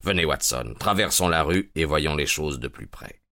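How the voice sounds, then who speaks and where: A man reading an audiobook, voicing a brilliant detective who talks in a measured way. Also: very deep voice, lively intonation, pushed and bright, no room sound, clean studio sound, exaggerated voice. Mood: calm.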